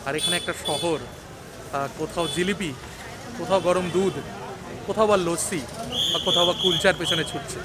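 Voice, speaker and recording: A young man talking through a face mask, describing food to viewers in a lively, casual vlog. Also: high voice, moderate pace, pauses often. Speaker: food vlogger. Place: busy city street outdoors. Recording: loud street and traffic noise.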